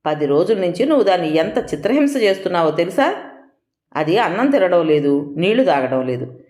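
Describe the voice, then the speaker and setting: A woman's voice: fairly low pitch, very animated, fairly quick, a little mellow, roomy sound. A woman reading as a stern accusing older uncle. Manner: accusing, interrogating. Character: stern angry older man, protective uncle.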